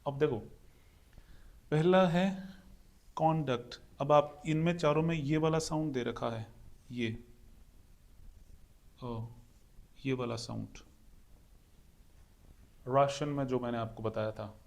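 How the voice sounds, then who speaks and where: A man's voice: mid-range voice, steady tone, slow pace, creaky, long pauses, darkish tone. A young adult man from India with an Indian accent, explaining English pronunciation step by step in an exam-prep lesson and repeating his points. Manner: repeats points, walks through a question step by step. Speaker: English teacher.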